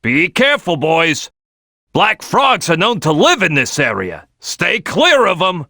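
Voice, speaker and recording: A man's voice: sits high, wildly swooping pitch, unhurried, bright, forceful tone, no echo, studio quality, full character voice. A man voicing a brash, bossy crocodile detective in a video game, boisterous and cocky, with a streetwise, barking delivery. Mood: watchful, bossy. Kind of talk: animated video game character acting.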